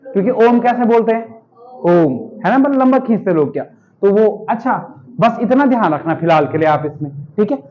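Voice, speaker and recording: A man's voice: high voice, animated, fairly quick, slight background noise. A male teacher giving a grammar lesson, firing questions at his students and answering them himself. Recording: dull lo-fi classroom recording.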